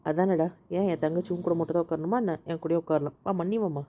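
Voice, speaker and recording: A woman voicing a playful brother who sides with his sister, speaking in a slightly lower, coaxing tone. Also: fairly even intonation, quick pace, dark tone, slight background noise, lightly acted. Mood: teasing. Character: teasing adult brother, protective of sister.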